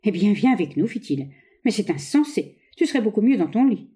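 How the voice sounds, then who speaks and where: Annoyed husband, plain mellow voice, woman reading his lines. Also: mid-range voice, big pitch swings, fairly quick, pitched above the performer's own voice, lightly acted. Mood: impatient, exasperated. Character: exasperated husband, naturalist.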